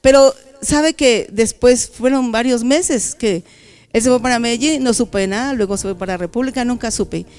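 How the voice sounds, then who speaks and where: A middle-aged woman giving a testimony sermon at a church convention, telling her story with lively acted-out dialogue. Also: a little high, moderate pace, smooth. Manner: animated storytelling, acting out dialogue.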